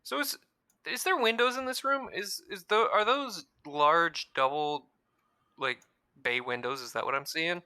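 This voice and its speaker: A man's voice: on the high side, measured pace, bright, forceful tone, clear, resonant tone, no room sound, studio quality. A man playing in a tabletop game, asking questions about the scene before his character acts. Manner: questioning, checking details before acting. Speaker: player. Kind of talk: casual tabletop play.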